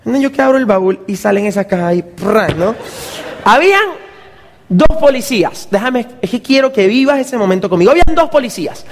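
A man's voice: high voice, fairly quick, big-room sound, a little hiss or hum. A man, a motivational speaker telling a comic story to an audience and acting out the other people's voices. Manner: lively, acts out the voices of others.

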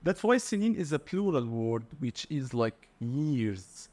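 A man's voice: mid-range voice, sing-song, measured pace, a little mellow. A man with an Egyptian Arabic accent, teaching in a conversational lesson, explaining words didactically with repetition and translated examples. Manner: didactic, repeating key words and translating them.

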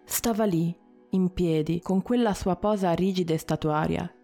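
A woman narrating a story in a measured way, with short dramatic pauses. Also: fairly low pitch, mellow, faint music behind.

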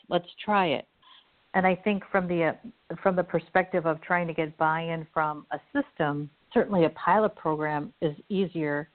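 Midwestern woman host, low-ish voice, earnest storyteller, phone-quality audio. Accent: Midwestern American. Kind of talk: conversational interview. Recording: phone-like lo-fi line.

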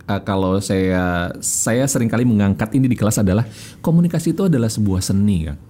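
Husky, mellow-voiced man explaining. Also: on the low side, a little fast. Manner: explanatory, animated, acts out examples. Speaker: communication speaker, guest. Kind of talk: casual interview chat.

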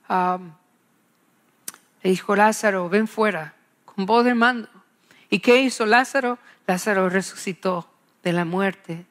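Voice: mid-range voice, fairly bright tone. A preacher giving an expository Bible sermon, emphatic, repeating key phrases and asking rhetorical questions.

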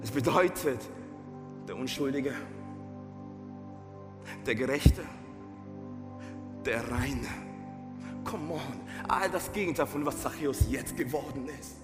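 A man's voice: mid-range voice, slow, long pauses. A man preaching a sermon as a pastor, passionate, asking his listeners direct questions and mixing in English phrases. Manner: mixes English phrases into German. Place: church hall. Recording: roomy hall reverb with faint music.

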